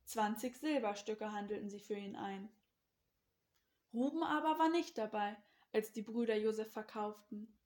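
A woman who leads a children's church service, telling a Bible story in slow, clear, gentle narration. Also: medium pitch.

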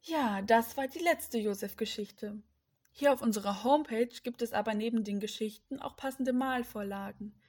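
A woman reading a Bible story for children on behalf of a church parish, in a friendly, clear and lively way. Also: fairly high pitch, moderate pace.

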